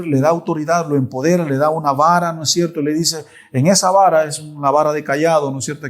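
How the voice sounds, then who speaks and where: Animated preacher with a higher voice. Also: male voice. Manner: animated storytelling with repeated asides. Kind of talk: Bible study sermon.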